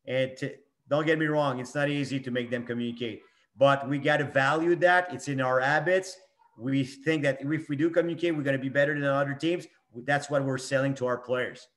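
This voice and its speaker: A man's voice: mid-range voice, fairly even intonation, a little fast, a bit bright. A middle-aged hockey coach talking through game clips in short, emphatic phrases and repeating his key points. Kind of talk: coaching talk over game video clips.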